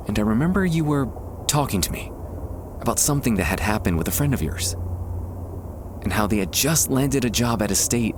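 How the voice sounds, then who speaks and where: This man uses his natural, medium-pitched voice to portray a childhood best friend, a tender and nervous young man, in an acted ASMR boyfriend monologue. He speaks hesitantly, stopping and letting sentences trail away. Soft park ambience from outdoors hums faintly behind him.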